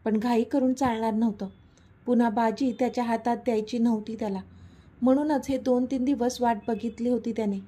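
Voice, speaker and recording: A woman narrates a serialized romance in a steady, even reading. Her voice sits a little high, yet it sounds mellow and husky. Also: a little fast. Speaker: story narrator. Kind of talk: scripted story narration.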